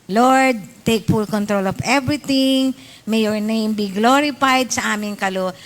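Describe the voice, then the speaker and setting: Earnest middle-aged Filipina praying aloud. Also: female voice, fairly high pitch, unhurried. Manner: earnest, devout. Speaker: prayer leader. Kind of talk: spoken prayer.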